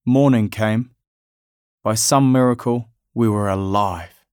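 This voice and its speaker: A man from Afghanistan narrating his family's story in a measured, reflective way. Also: lowish voice, darkish tone, clean tone, no room sound, clean studio sound.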